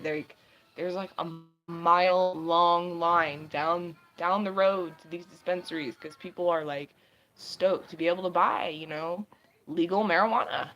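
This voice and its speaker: A woman's voice: lowish voice, a bit bright. A woman vlogging in casual chat, with a laid-back, slangy, sweary stoner way of talking.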